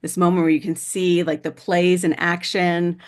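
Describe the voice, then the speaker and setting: A woman's voice: lowish voice, level tone, normal speed. A woman in her thirties facilitating a conference workshop, guiding a reflection and then chatting in a friendly, conversational way. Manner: friendly, conversational, uses fillers like "like". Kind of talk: guided reflection and conference talk.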